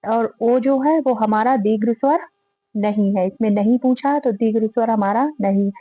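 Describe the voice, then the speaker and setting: Speaking at a moderate pace in a slightly high voice with a dark tone, a woman goes through a grammar quiz, reading each question and then listing and repeating the options. The recording is rough, with no room sound.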